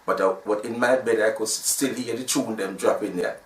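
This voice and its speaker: A Jamaican sound system founder in his sixties tells his story in a casual interview, rambling and restarting often. His Jamaican-accented voice is lowish and steady, and he talks briskly. The recording is roomy, picked up from a distance off the mic.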